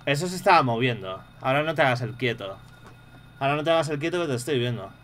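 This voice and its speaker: A man's voice: medium pitch, lively intonation, fast, fairly bright tone, a little hiss or hum. A young man with a Spain Spanish accent giving casual, profanity-laced commentary while playing a horror game, yelping when startled. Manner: swears freely, yelps when startled. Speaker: gaming streamer.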